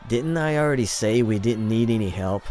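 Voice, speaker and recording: A man's voice: lowish voice, animated, normal speed, a little mellow, a faint crowd, close to an everyday voice. A man voicing a blunt, sarcastic woman on a covert crew, in an audiobook reading. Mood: dry. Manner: blunt, dry.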